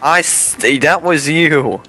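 A man's voice: a little high, takes it slowly, over music. A teenage boy chatting over voice chat while gaming, with sarcastic, exasperated banter toward a friend who keeps trolling him. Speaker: friend being trolled in a game.

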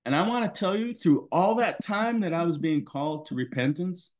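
A male pastor giving a personal testimony in a worship service, in a conversational, halting way with many fillers. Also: on the high side, a little mellow, muffled recording.

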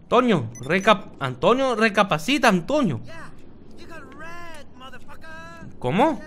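A man's voice: high-pitched, very animated, normal speed, a bit bright, faint music behind. A man voicing a stoned, rambling drug-addict character who swears a lot, as comic commentary over gameplay. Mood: pleading, angry. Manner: rambling, swearing, keeps calling people "my brother". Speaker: gaming YouTuber in character.

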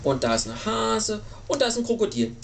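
A woman reading a picture book aloud to a small child at home, lively and child-directed. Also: mid-range voice, a little fast, creaky, slight background noise.

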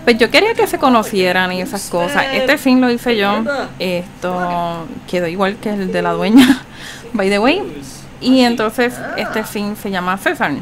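A woman giving casual, chatty commentary over her gameplay, reacting with animated exclamations. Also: mid-range voice, unhurried, a crowd in the background. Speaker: gaming channel host.

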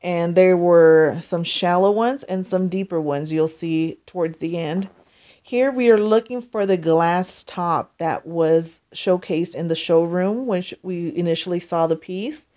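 Woman, home vlog narration, slow and deliberate, step-by-step explaining, muffled lo-fi sound. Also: on the low side, warm tone. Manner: unhurried, explains step by step with many pauses. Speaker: vlogger. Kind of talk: casual voice-over narration.

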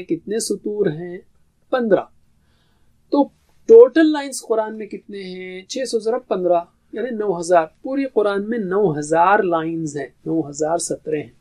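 A man giving a grammar lesson as a teacher, explaining patiently and asking his own questions before answering them. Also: sits high. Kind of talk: classroom lecture.

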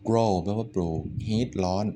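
A man with a Thai accent, teaching English vocabulary in a relaxed way, thinking out loud and swearing offhandedly. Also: on the low side, unhurried, noisy background. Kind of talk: casual spoken vocabulary lesson.

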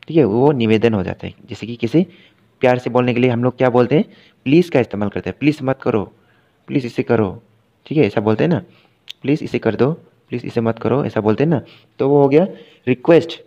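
Patient male teacher, slow examples. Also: mid-range voice, mellow, dull audio. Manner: patient, repetitive explaining, checks in often; reads English examples slowly, then translates them. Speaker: English grammar teacher. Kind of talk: recorded class lesson.

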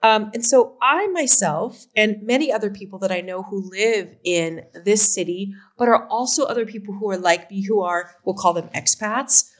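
Speaking at medium pitch and normal speed with few pauses, this Oregon woman in her fifties talks casually in an interview. She is a company co-founder with an American accent, calling in by webcam from home and gesturing animatedly.

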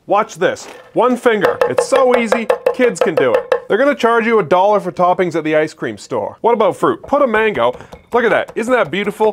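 A man doing a parody infomercial pitch, with loud, fast-talking salesman patter. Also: heavy background noise.

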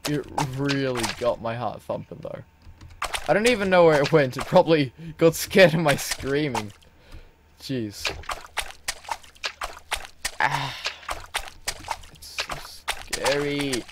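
A man giving let's play commentary on his own gameplay, excitable and self-mocking, who chatters to himself and to things in the game. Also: mid-range voice, slow, pauses often, noisy background. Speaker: gaming video host.

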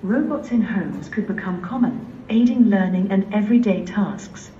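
A synthetic female voice of a humanoid robot giving smooth, measured, polite replies in a large museum hall. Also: mid-range voice, lively intonation, warm tone, a little hiss or hum. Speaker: humanoid robot answering visitors. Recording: dull, echoey, distant in a museum hall.

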